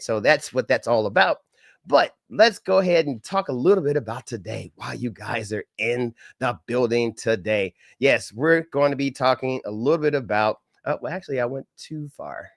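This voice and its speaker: A middle-aged government contracting trainer runs a live-stream training from his home setup in Dallas. His mid-range voice is a little crackly and nasal from a head cold, but his manner is upbeat and folksy with preacher-like greetings, recorded at studio quality with no room sound.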